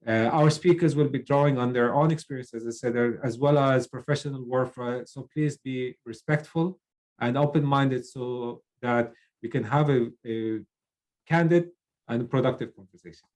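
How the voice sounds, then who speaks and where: On a rough recording, a middle-aged Lebanese man, a program manager, opens a webinar via video call from a child's bedroom. His medium-pitched, darkish voice moves haltingly, with many fillers and restarts.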